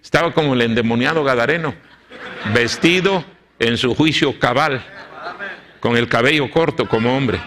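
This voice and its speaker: In a church sanctuary, a male pastor with a Mexican Spanish accent preaches a story-driven sermon, acting out the dialogue and shifting between loud and hushed delivery. His voice is medium-pitched at a moderate pace, with frequent pauses.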